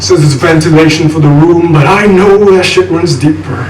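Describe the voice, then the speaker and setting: A young man from Nepal performs his poetry live in a rhythmic, intense, wry way. His voice sits fairly high for a man. He is recorded from across a reverberant room, with noise behind him. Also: fairly even intonation, normal speed. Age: young adult. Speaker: spoken word poet. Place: live venue with an audience. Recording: echoey room from a distance, noisy.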